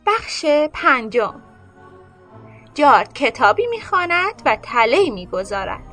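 A woman hosting a radio program, reading a bedtime story aloud in an expressive manner. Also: high-pitched, faint music behind. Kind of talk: scripted bedtime story narration.

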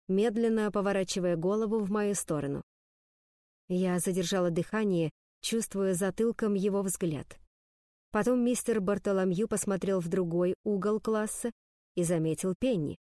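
A woman reading first-person narration for an audiobook in a steady storytelling manner. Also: mid-range voice, dry recording, clean studio sound.

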